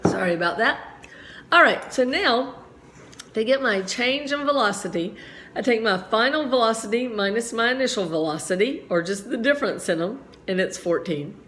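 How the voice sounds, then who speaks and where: A woman's voice: fairly high pitch, expressive, normal speed, a bit bright, a little hiss or hum. A middle-aged woman teacher explaining a physics lesson step by step, chatty and full of asides, with a slight cough.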